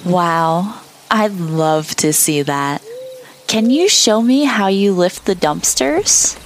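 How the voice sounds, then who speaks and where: A woman voicing a slow, sweet young settler. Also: lowish voice, lively intonation, slight background noise.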